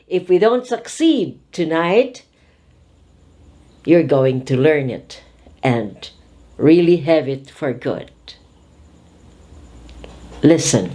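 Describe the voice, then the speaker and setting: Very slow, careful woman teacher. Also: low-pitched, dark tone. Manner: careful, over-articulated word drills. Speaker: pronunciation teacher.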